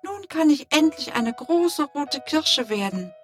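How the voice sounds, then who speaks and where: A woman voicing Lea, a gentle young flower girl, with a sweet, wondering, childlike manner in a storybook. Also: high voice, expressive, measured pace, soft background music, pitched above the performer's own voice. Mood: tender. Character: gentle young female cherry blossom dreaming. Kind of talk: storybook narration.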